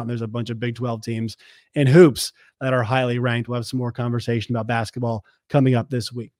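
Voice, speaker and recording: A man hosting a sports show, giving emphatic commentary to viewers in a slightly hoarse voice and repeating his points. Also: medium pitch, a little mellow, no room sound, studio quality.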